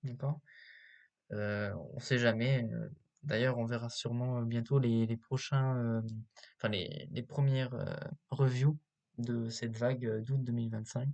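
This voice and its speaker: A man giving casual, unscripted video commentary as a host, halting often with filler sounds, recorded on a cheap built-in laptop microphone. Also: mid-range voice, level tone, darkish tone. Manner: hesitant, halting delivery with many filler pauses. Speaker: YouTube host reviewing toy sets.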